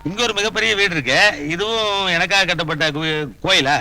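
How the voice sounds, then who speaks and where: A man's voice: sits high, fairly quick, loud music behind the voice. An actor playing a god visiting earth as a man, who asks innocent, wondering questions in a Tamil film comedy. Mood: curious.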